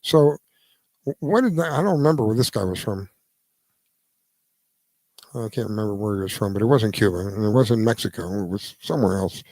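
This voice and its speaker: A man in his seventies giving his opinion in casual radio talk, earnest and halting, restarting his sentences as he goes. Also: fairly low pitch, dry recording. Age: 70s. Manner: lively, swings between emphatic and quiet. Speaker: radio show host.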